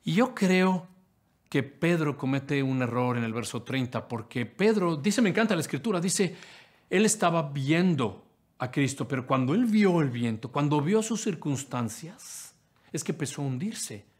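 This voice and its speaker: Husky-voiced male pastor preaching dramatically. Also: on the high side, expressive, moderate pace. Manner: dramatic, acts out quotes in swings from loud to hushed; addresses listener directly with questions. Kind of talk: sermon.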